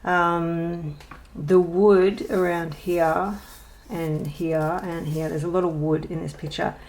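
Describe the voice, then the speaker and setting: Low-pitched and a little mellow, a colouring channel host talks casually through a show-and-tell vlog. She rambles, hesitates often with ums, and makes self-deprecating asides.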